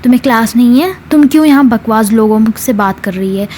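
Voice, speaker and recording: A woman's voice: a little high, animated, a little fast, warm tone, a little hiss or hum, lightly acted. A woman doing a bossy, protective young woman. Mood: sharp. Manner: commanding and insistent.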